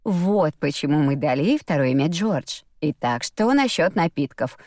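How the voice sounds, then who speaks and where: A woman's voice: sits low, animated, moderate pace, a little mellow, no room sound, clean studio sound. A woman reading the part of a fussy, insistent middle-aged mother in an audiobook. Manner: insistent, fussing.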